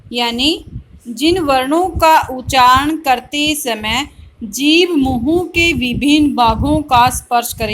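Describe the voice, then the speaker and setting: Middle-aged woman teacher, patient lesson delivery, unhurried pace, light background noise. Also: sits high, a bit bright, poor audio. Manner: slow, explanatory, repeats "theek hai" and asks rhetorical questions. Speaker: school teacher. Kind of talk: classroom grammar lesson. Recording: faint background noise and clicks.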